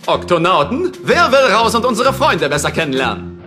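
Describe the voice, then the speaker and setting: Polar bear captain, highish animated voice, commanding but reassuring, kids cartoon audio play. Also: male voice, normal speed, music in the background. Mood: friendly. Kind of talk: children's cartoon audio drama acting.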